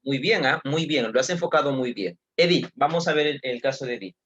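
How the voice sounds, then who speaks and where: A man's voice: medium pitch, expressive, fairly quick, fairly bright tone, dull audio. A male teacher leading an online class over a video call, calling on students and giving encouraging feedback. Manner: encouraging, calls on students by name.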